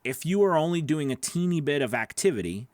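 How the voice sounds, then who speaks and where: A voice actor in his thirties runs a casual livestream Q&A from his small indoor home studio, talking into a large studio mic on a boom arm. His nasal voice sits on the high side, a little mellow and a little fast, with lively intonation and no echo, and he repeats words while reading viewer questions aloud.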